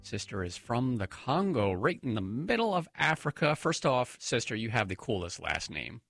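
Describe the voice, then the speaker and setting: Lively deacon hosting a radio interview. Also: male voice, mid-range voice, moderate pace, gravelly, soft background music. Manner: friendly, enthusiastic interviewer.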